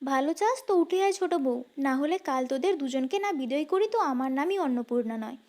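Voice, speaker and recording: Woman performing a bossy elder sister-in-law, scolding, high voice, mellow tone, storybook reading. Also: expressive, fairly quick. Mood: angry, scolding. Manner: scolding, loud and sharp. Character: stern older woman, head of household, quick-tempered.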